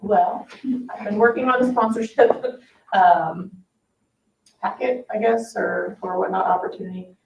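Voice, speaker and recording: A parks staff member speaks at a board meeting in an unhurried, slightly mellow mid-range voice. Her explanations are informal and somewhat hedged. The meeting room is echoey and indoors, captured by a distant, dull microphone.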